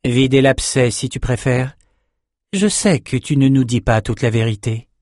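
A man's voice: medium pitch, unhurried, darkish tone, no echo, studio quality, lightly acted. A man voicing a stern, commanding sorceress in an audiobook, blunt and probing. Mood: firm. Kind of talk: audiobook character voice.

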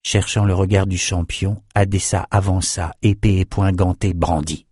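A man narrating a fantasy audiobook in a measured, even storytelling voice. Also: sits low, breathy edge, dry recording, studio quality.

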